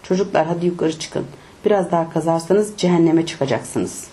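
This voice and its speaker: A woman's voice: lowish voice, moderate pace, mellow, close to an everyday voice. A woman voicing a short-tempered middle-aged male village chief who barks orders in a storybook reading. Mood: gruff.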